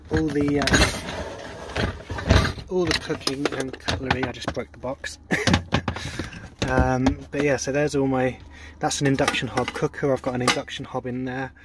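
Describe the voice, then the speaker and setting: Rambling man with a flat voice. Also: mid-range voice, heavy background noise. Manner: relaxed, rambling with many ums and restarts. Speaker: vlogger. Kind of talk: casual vlog walkthrough. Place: outdoors at a rural charging station and van.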